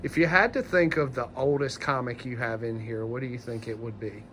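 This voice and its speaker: A man's voice: medium pitch, fairly quick, sharp tone, a little hiss or hum. A man interviewing a comic shop owner, asking questions and giving short encouraging replies. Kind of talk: casual interview. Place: comic book store.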